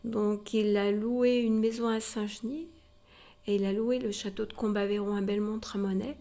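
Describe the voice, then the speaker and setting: A museum guide recounts history informally to a visitor, explaining things directly and sprinkling in rhetorical tags as she addresses her listeners. Her mid-range, mellow voice shows little pitch movement and moves at a moderate pace.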